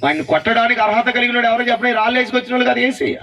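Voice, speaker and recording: A man preaches in a very high, sharp and forceful voice, heard from some distance off the mic. He works the congregation with call-and-response, asking question after question and urging them to shout amen and clap. His delivery is exhorting and insistent. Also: expressive, rapid-fire. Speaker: pastor. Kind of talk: sermon. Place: church gathering with congregation.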